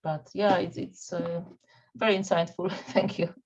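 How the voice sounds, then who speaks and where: A woman's voice: fairly low pitch, level tone, unhurried, dull audio. A woman on a webinar panel making brief, agreeable remarks. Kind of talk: webinar discussion.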